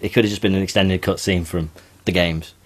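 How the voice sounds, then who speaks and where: A man's voice: deep voice, steady tone, a little fast. A young man hosting a casual podcast, talkative and teasing, often stammering as he restarts a sentence. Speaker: podcast host. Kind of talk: casual chat.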